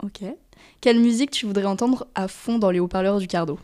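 A woman co-hosting a student radio interview, asking quick questions in a friendly way. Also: medium pitch, warm tone.

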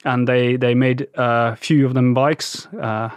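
A man's voice: medium pitch, fairly even intonation, slow pace, smooth, no echo, clean studio sound. A man from Eastern Finland, a native Finnish speaker, answering interview questions in English with many hesitations and fillers. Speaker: guest, bike company founder and designer. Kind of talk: casual interview.

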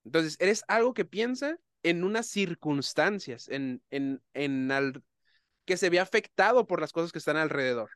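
A man's voice: fairly high pitch, lively intonation, moderate pace, a bit bright, clear, resonant tone, dry recording, clean studio sound. A man hosting a casual conversation, thoughtful and careful as he explains ideas. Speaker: host.

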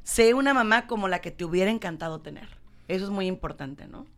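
A Mexican woman hosts a motivational chat show in a middle-pitched voice. She is emphatic, repeats her key lines and speaks straight to the listeners. Soft music plays faintly behind her. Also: expressive, fast talker. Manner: emphatic, repeats points, addresses audience directly. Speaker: host.

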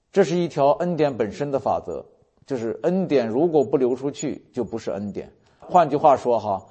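Earnest male preacher, dark husky voice. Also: medium pitch. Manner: earnest, warm storytelling preacher quoting scripture. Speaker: pastor. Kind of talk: sermon.

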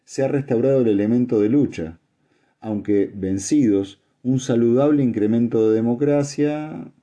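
A man reading aloud and voicing a male sage who speaks calmly and formally in a recorded message. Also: mid-range voice, close to an everyday voice. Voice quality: calm, measured, formal.

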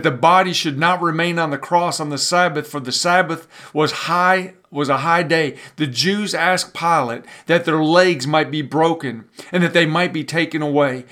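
High-voiced man preaching a sermon. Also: fairly bright tone. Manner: preaching with dramatic pauses and rising emphasis; stumbles and repeats words when emphatic. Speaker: pastor.

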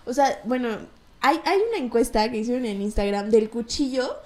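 A woman's voice: a little high, lively intonation, fairly quick, a little mellow. A young woman from Mexico with a Mexican Spanish accent, chatting enthusiastically in a casual podcast. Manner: chatty, enthusiastic, uses slang. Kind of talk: casual chat.

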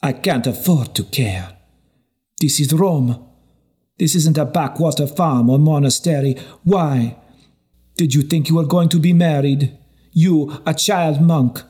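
A hard, cynical city woman, as a male reader puts her on, in an audiobook. The voice is lifted and breathy and mocks with cold scorn. Her questions land sharp. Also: on the high side, a little slow, pitched above the performer's own voice. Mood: scornful. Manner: cold and mocking.

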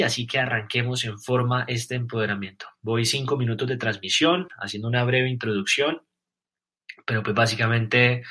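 A Colombian man speaks in a bright, forward voice at an ordinary middle pitch. He talks earnestly through a motivational livestream, filling pauses with small fillers and restarts. He often turns to the listener with direct questions. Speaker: network marketing leader giving a live talk.

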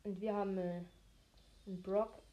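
A woman giving casual, low-key, mildly grumbling commentary on her own gameplay. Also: steady tone, normal speed, mellow, poor audio. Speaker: gamer commentating own play.

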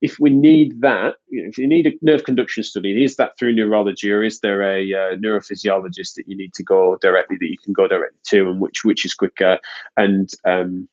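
A British man hosts a podcast as a physiotherapist, speaking briskly in a lowish, darkish voice with fairly even intonation. His stuffy nose makes him nasal while he talks casually, rambling and restarting often, in a dull lo-fi recording.

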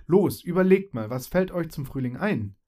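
A man's voice: a little high, lively intonation, normal speed, a little mellow, pitched above the performer's own voice, natural voice. A cheerful summer fairy from a storybook who loves to joke, put on by a man. Her voice sits well above a plain male reading voice. She talks in a bubbly, eager way. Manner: bubbly, teasing.

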